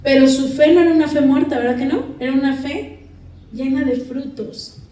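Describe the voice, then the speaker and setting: High-voiced woman preaching in an echoey hall. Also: normal speed, mellow, distant mic. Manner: reads scripture aloud and asks the congregation questions. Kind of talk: sermon.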